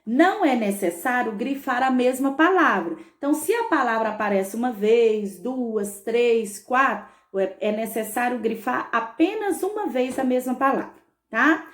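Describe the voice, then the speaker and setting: A schoolteacher giving a patient remote lesson to young pupils, drawing out words and checking in often. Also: female voice, fairly high pitch, animated, a little slow. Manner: patient, stretches words, frequent "tá bom?" check-ins. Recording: echoey room.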